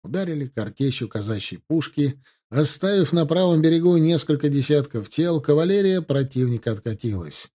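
Mellow male audiobook narrator. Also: fairly high pitch, animated, moderate pace.

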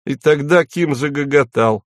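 A man reading a novel aloud in a measured literary style. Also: on the high side, no echo, clean studio sound. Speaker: narrator. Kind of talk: audiobook narration.

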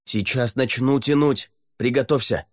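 A man voicing a wounded young man who shouts with strain and determination. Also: medium pitch, unhurried, pitched above the performer's own voice, natural voice. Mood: straining shouting.

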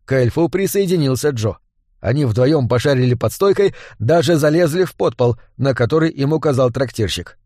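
A man reading a story aloud as an audiobook narrator, in a steady storytelling voice on a close mic. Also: medium pitch, no echo.

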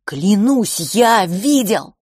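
A woman voicing an impassioned young boy, a dreamer quick to anger, pleading near tears in an audiobook. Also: medium pitch, darkish tone, no echo, clean studio sound, lightly acted. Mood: agitated pleading. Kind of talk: audiobook character voice.

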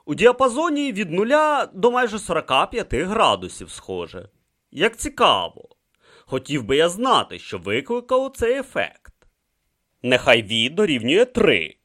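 A man's voice: a little high, huge pitch swings, moderate pace, a bit bright, voice pushed up, full character voice. A man voicing a brilliant male camel mathematician who mutters calculations to himself in an audiobook reading. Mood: musing.

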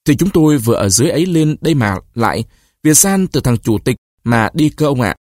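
A man's voice: mid-range voice, expressive, brisk, darkish tone, no echo, studio quality, natural voice. A man voicing a blunt peasant woman nursing a baby in a read-aloud short story, cutting into the talk.

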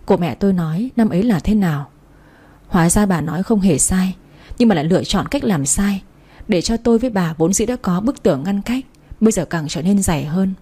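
A woman reads a first-person story aloud, sorrowful and reflective in her delivery. Her voice is mellow and dark, with a husky grain. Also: mid-range voice, animated, brisk. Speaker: story narrator.

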